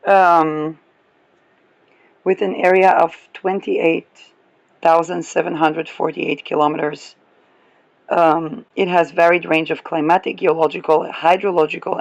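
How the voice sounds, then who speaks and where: Someone gives a casual, rambling astrology talk, chuckling often between remarks. The astrology reader's voice is medium-pitched and gravelly, and the audio sounds dull.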